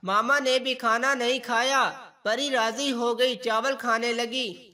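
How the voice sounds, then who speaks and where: A man tells a family story, reading in a plain, steady way. His voice is pitched very high for a man and sounds bright and sharp. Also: slow. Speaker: narrator. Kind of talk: storytelling narration.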